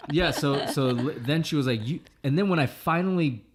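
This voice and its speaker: A man's voice: fairly high pitch, moderate pace, crowd noise. A man in his late thirties, co-hosting a casual podcast chat and telling stories animatedly with lots of filler words. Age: 30s. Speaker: podcast co-host.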